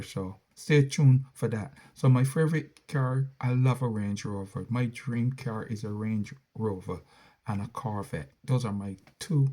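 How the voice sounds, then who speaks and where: With a warm, mid-range voice, this middle-aged man from Barbados answers viewer questions in a loose Q&A monologue. As a content creator, he rambles and keeps correcting himself.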